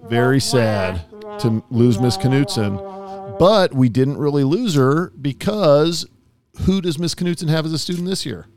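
A man's voice: mid-range voice, unhurried, over music. A man chatting casually with his young daughter as host, teasing and easygoing. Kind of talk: casual chat.

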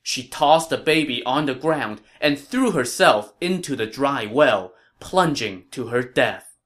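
A man narrating a historical tale in a measured, dramatic storytelling manner. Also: medium pitch, expressive, a bit bright.

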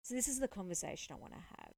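A woman hosting a podcast, retelling a personal story in a lively, indignant way and voicing the dialogue. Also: mid-range voice, rapid-fire, gravelly, husky. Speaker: podcast host. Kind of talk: storytelling monologue.

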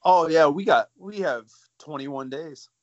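A man's voice: a little high, a little slow, dry recording, highs cut off. A young man talking as a guest artist in a casual chat, jokey and chatty. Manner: jokey, chatty, laughs easily.

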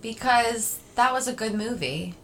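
A woman's voice: a little high, measured pace. A woman hosting a podcast, chatting casually, laughing often and asking plain questions. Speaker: podcast host. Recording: music playing under the voice. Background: music.

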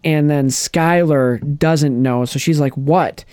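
A man chatting casually on a podcast, retelling a TV episode with lively acted-out lines and frequent restarts. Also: fairly high pitch, takes it slowly, clean tone, no room sound, studio quality. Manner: animated storyteller, acts out characters' lines, restarts often. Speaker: podcast co-host. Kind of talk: casual chat recapping a TV episode.

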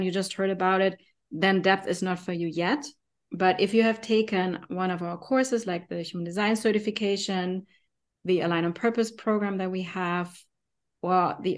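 A woman with a German accent co-hosting a podcast, chatting in an enthusiastic, conversational way and often tagging sentences with "right?". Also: medium pitch. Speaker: podcast co-host. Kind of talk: casual podcast chat.

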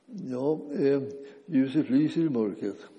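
A man preaching an informal sermon, speaking conversationally and haltingly with frequent restarts and fillers. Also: mid-range voice, animated. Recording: dull lo-fi sound with long reverb.

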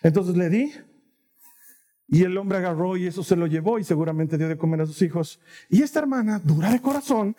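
A man preaching a sermon, telling stories and acting out the dialogue in an animated way. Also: sits high. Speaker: pastor. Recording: long hall reverb.

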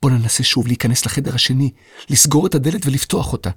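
A man's voice: mid-range voice, breathy edge, dry recording, clean studio sound, voice pushed up. A man voicing an impatient, anxious young girl in a children's audio story. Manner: impatient, tense, questioning.

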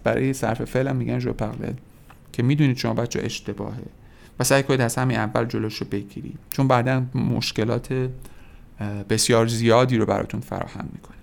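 A young man talks through a podcast language lesson at an easy, patient pace. His voice sits at a middle pitch with a gravelly, fry-tinged texture. He pauses often with filler sounds as he explains each point. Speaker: French teacher. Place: indoors near a window.

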